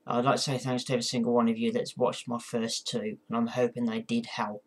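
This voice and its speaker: A man talking casually through an instructional vlog, hesitant and apologetic, with encouraging words for his viewers. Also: fairly low pitch. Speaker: amateur ventriloquist giving a tutorial.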